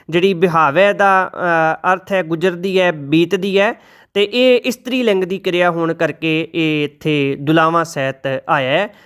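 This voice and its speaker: Male teacher, bright clear voice, slow measured chanting and careful spelling-out. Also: on the high side. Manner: slow, deliberate, spells out letters and corrects pronunciation. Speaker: Gurbani pronunciation teacher. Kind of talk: recitation lesson with slow chanted verses.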